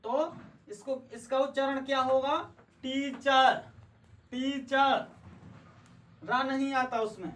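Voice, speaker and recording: A woman teaching English pronunciation in a slow lesson, asking questions and answering them herself while repeating each example word. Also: high voice, steady tone. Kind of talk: slow classroom-style lesson. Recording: voice a bit distant from the mic.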